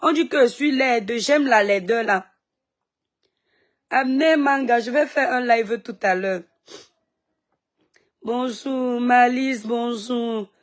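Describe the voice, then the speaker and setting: A woman's voice: fairly high pitch, takes it slowly, long pauses. A woman from Cameroon chatting on a phone live stream, greeting viewers by name and talking back at critics, with a sore throat.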